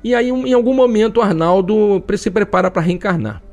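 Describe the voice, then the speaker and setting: A Brazilian man hosts a talk show in a fairly high voice. He speaks in a chatty, joking way and acts out imagined listeners. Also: expressive, a little fast, darkish tone, soft background music. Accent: Brazilian Portuguese. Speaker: radio and web show host. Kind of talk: casual talk show monologue.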